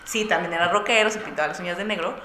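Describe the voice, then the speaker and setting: A young woman with a Mexican Spanish accent, telling a lively anecdote to friends and acting out the voices of the people in it. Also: on the low side, racing, reverberant, background noise. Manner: lively storyteller acting out voices with bursts of laughter.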